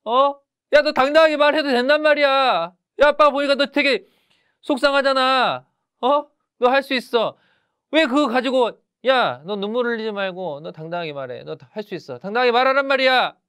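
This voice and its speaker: A man acting out a boy who speaks as his own father, loudly and insistently urging himself to stand tall. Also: very high voice, moderate pace, smooth, dry recording, clean studio sound, pitched above the performer's own voice.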